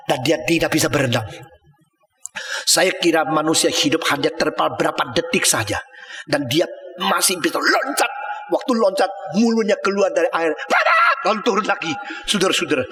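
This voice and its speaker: An older man preaching a sermon with passion, shifting between loud exclamations and low murmurs. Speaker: pastor. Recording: echoey hall reverb.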